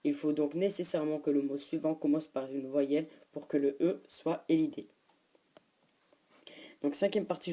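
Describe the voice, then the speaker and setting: Low dark-voiced woman giving a talk. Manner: hesitant, many filler pauses. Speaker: student presenter. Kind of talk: read-aloud class presentation.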